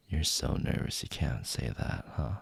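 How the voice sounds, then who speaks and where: Casting: male actor as flirty bully leading man for whispered ASMR role-play; heavy vocal fry, husky, close dry sound, intimate taunting delivery. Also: a bass voice, no echo, heavily acted. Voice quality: husky, gravelly.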